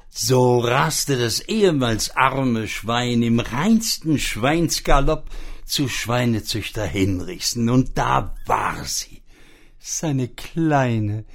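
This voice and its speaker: A man's voice: mid-range voice, gravelly, fairly bright tone. A man reading a silly fairy-tale parody aloud in a playful, theatrical way. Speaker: storyteller. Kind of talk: comic fairy-tale narration.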